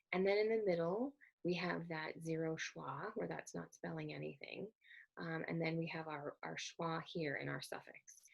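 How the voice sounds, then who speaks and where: A woman delivering a recorded slide lecture on words, her voice a little low and gravelly with a husky edge. She explains step by step, spells out letters and corrects herself as she goes. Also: darkish tone. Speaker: literacy educator presenting slides.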